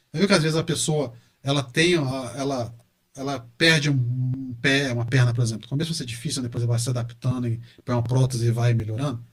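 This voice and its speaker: A middle-aged man with a Brazilian Portuguese accent speaks as a professor guest on a casual podcast. His voice sits slightly high for a man. He talks with animation and repeats words to stress a point. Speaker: guest, university professor and engineer.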